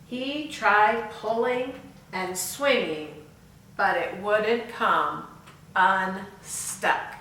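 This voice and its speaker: A woman reading a picture book aloud for children, expressive, with chatty asides and questions to her young listeners. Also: mid-range voice, a little hiss or hum. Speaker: volunteer storyteller. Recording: echoey room, far from the mic.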